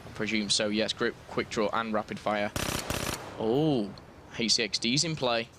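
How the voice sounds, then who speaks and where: A man's voice: fairly low pitch, unhurried, noisy background. A man giving chatty, analytical color commentary on an esports match, with joking asides.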